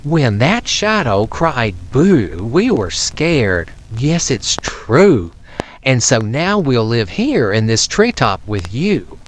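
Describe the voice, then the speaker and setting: A man voicing a timid, mischievous, excitable monkey in a storybook tale. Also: medium pitch, takes it slowly, slight background noise. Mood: scared.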